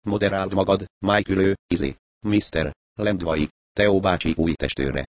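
A man's voice: low-pitched, fairly even intonation, dry recording, close to an everyday voice. A man reading the part of a whiny, rude sleek-haired young man in an audiobook. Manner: whining.

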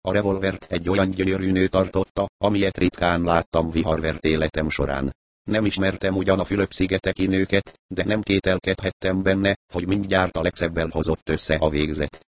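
A man reading a first-person crime novel aloud in a dry, wry, even storytelling manner. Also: low-pitched. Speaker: audiobook narrator.

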